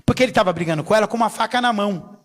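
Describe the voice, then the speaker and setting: In a church sanctuary with long hall reverb, a middle-aged man who serves as bishop and pastor delivers a very fast, lively sermon. Animated and jokey, he fills it with stories and quotes others dramatically, his voice swinging widely in pitch.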